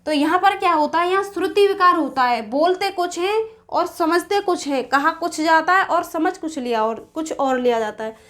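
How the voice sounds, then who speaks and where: A woman's voice: extremely high pitch, lively intonation, a bit bright. A woman teaching a Hindi grammar lesson for exam preparation. She explains step by step, poses questions and answers them herself, and recites couplets in a sing-song cadence. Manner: explains slowly, asks and answers her own questions.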